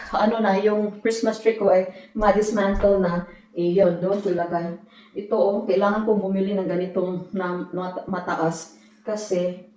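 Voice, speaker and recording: A woman's voice: medium pitch, dark tone. A middle-aged woman from the Philippines, chatting and joking in a casual home vlog as she shows her new house. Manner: chatty, joking, mixes Tagalog and English. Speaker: vlogger. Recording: echoey room.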